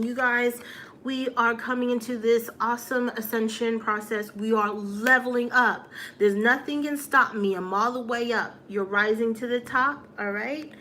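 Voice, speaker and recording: A woman's voice: on the high side, pushed and bright, slight background noise. A woman doing a casual tarot reading in an upbeat, encouraging way, often checking in with "all right?". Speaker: tarot reader.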